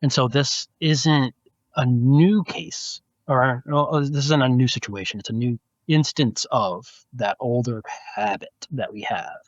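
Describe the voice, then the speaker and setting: A man who is a philosophy professor, answering interview questions in a measured, explanatory way over a video call. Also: mid-range voice, no room sound. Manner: measured, explanatory, with frequent restarts. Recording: dull, lo-fi, dry video call audio.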